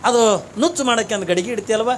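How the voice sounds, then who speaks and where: Brief: man doing a calm, kind holy ascetic. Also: sits high, fast, a little hiss or hum, voice pushed down, natural voice. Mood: gentle. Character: kindly wandering male holy ascetic.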